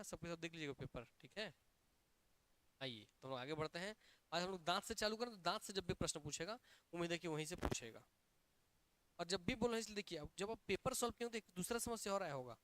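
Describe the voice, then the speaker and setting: A male coaching teacher with a Chhattisgarhi Hindi accent and a high-sitting voice delivers a lively, fast classroom lecture. He is energetic and emphatic, drilling students with repeated questions and answers.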